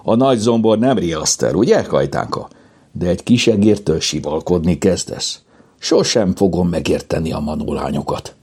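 Man doing a grumpy smart kid, blunt, a bit higher, husky. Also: expressive, a little mellow, exaggerated voice. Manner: blunt and scolding. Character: clever, grumpy young boy.

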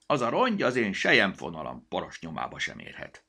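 A man's voice: low-pitched, huge pitch swings, bright, forceful tone, breathy edge, heavily acted. A man voicing a haughty, touchy spider that scolds and threatens. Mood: indignant.

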